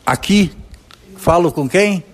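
A man's voice: sits high, lively intonation, slow pace, slightly rough. A Brazilian man working as a reporter, asking direct, sometimes jokey questions on site. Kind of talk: on-site news interview questions. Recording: echoey hall.

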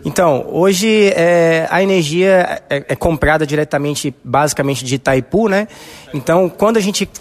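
A man's voice: on the high side, normal speed. A Brazilian man with a Brazilian Portuguese accent, a businessman answering a reporter confidently with many fillers. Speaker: solar energy businessman. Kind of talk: on-site news interview answers. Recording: echoey hall.

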